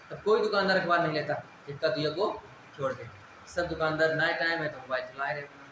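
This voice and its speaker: A male teacher giving a classroom lecture, asking questions and answering them himself and repeating the key points. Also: medium pitch. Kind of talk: classroom lecture on Hindi grammar. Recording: very echoey room with background noise.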